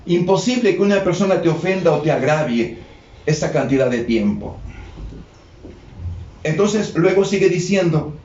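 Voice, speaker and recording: A man with a high voice preaches a sermon in an echoing room. He explains scripture patiently and repeats key phrases to his listeners. The recording sounds somewhat dull and lo-fi. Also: animated, moderate pace, pauses often, darkish tone.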